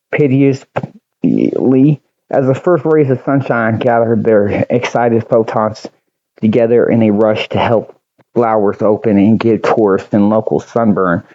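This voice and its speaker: Male storyteller, lowish mellow voice, measured reading, dull lo-fi sound. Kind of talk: storybook audiobook narration.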